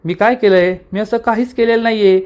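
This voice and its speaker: A man's voice: high voice, steady tone, fairly quick, darkish tone, clear, resonant tone, pitched above the performer's own voice, close to an everyday voice. A man reading aloud the angry lines of a spiteful, scheming older woman who owns the house, in snapping, defiant retorts. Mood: irritated.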